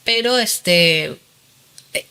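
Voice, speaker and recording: Bright-voiced Peruvian woman telling her story. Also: fairly low pitch, expressive, very slow, creaky, smooth. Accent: Peruvian Spanish. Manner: earnest storytelling with frequent fillers. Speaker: guest. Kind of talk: testimony interview.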